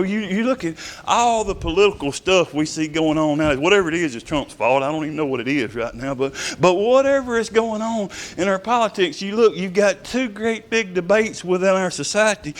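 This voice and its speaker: A man delivers a church sermon in a slightly higher voice. He speaks in a folksy, storytelling way and stumbles often, repeating words as he searches for the next thought. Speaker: pastor.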